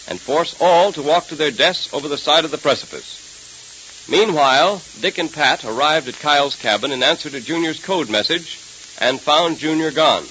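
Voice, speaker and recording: An American man announces and narrates an old 1930s radio serial, his fairly high voice pushed and bright in an emphatic, theatrical scripted style. The recording is a hissy, muffled radio transcription from the 1930s.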